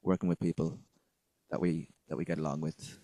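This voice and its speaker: Casting: male band member, west of Ireland accent, deep voice, halting and conversational. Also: level tone, creaky, warm tone, no echo. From Galway, west of Ireland. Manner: rambling, halting. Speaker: band member being interviewed. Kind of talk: casual interview chat.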